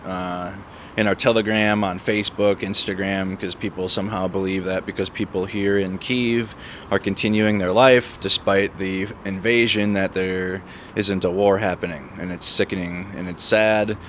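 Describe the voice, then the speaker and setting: A man with a low, slightly bright voice speaks at a normal pace in a steady tone. He's hosting a casual livestream, chatting and repeating words and phrases for emphasis, while traffic roars on the noisy city street around him.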